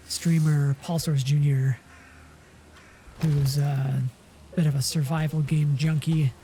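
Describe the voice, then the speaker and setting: A man's voice: on the high side, dark tone. Chatty man over noisy game audio. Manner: chatty, self-correcting. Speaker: streamer. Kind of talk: casual gaming chat.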